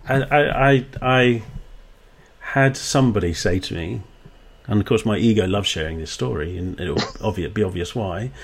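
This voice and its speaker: Speaking in a Suffolk accent, a man with a lowish, husky voice is interviewed as a coach and talks at a moderate pace. He's candid and casual, reflecting on things, swearing offhandedly and sometimes acting out bits of quoted dialogue.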